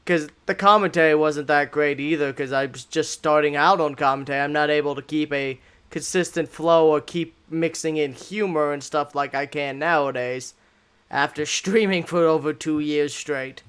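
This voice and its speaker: A man's voice: fairly high pitch, fairly even intonation, normal speed, fairly bright tone, smooth. A man in a casual podcast chat, candid and self-critical about his past videos. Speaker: content creator, streamer.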